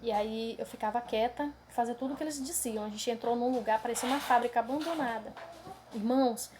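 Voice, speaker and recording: Earnest, higher-voiced woman preacher. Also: a little fast, noisy background. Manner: earnest and emotional, addresses listeners as brothers; tags many phrases with a questioning aside. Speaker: preacher giving a testimony. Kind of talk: testimony of a dream vision.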